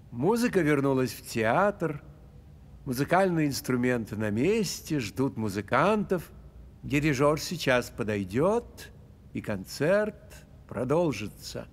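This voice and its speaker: In a children's cartoon, an actor voices an elegant grasshopper conductor who teaches patiently in a theatrical, measured way. The male voice is a little high and very animated, a full character voice with a kindly mood.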